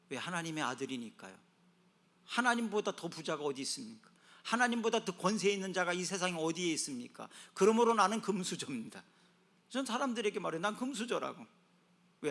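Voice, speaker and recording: A man preaching a sermon as pastor, moving between quiet stretches and loud exclamations. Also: high voice, big pitch swings, fairly quick, creaky.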